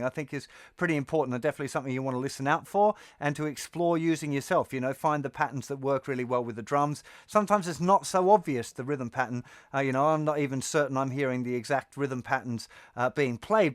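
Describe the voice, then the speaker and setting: A man giving a guitar lesson, explaining in a relaxed way and counting beats aloud. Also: medium pitch, no echo, studio quality. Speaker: guitar teacher. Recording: loud guitar under the voice. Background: loud guitar playing.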